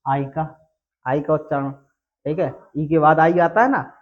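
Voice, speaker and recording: Man, high-pitched, classroom lesson, rhetorical questions. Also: unhurried, highs cut off. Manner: asks questions and answers them himself. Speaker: English teacher.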